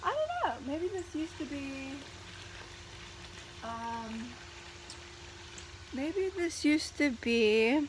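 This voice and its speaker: A vlogger in her thirties chats rambling and casually to her phone, held at arm's length, beside a backyard pool, packing her talk with fillers. Her high voice is sing-song, with drawn-out words and long pauses over a noisy background.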